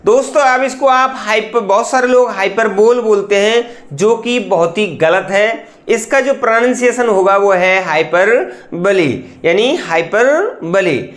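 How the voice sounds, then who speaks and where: High-voiced man teaching in an echoey room. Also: moderate pace, hardly any pauses, fairly bright tone. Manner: chatty, repeats and rhetorical questions to the viewers. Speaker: English teacher hosting an online class. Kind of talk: explaining lesson.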